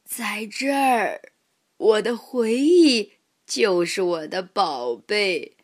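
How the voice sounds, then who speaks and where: A woman voicing a gentle, wise old grandpa rabbit in a storybook, speaking slowly and partly in a whisper. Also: medium pitch, expressive. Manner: slow, soft, partly whispered.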